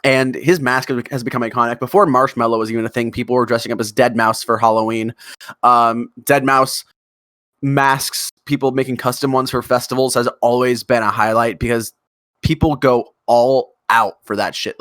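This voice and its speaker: A man's voice: mid-range voice, fairly even intonation, normal speed, fairly bright tone, no room sound, clean studio sound. A man co-hosting a casual music chat show, talking with rambling enthusiasm and casual swearing. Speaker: podcast co-host.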